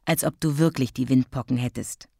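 A woman voicing a patient young mother who answers calmly and teases gently. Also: extremely low pitch, a little fast, creaky, no echo, studio quality, pitched below the performer's own voice, exaggerated voice. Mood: gentle. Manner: calm, matter-of-fact, gently teasing.

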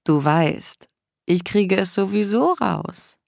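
A woman reading a controlling, volatile young man in an audiobook. He drags out his words with slow menace and can erupt into shouting. The sound is dry and close. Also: sits low, little pitch movement, no echo. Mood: coaxing. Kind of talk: audiobook dialogue.

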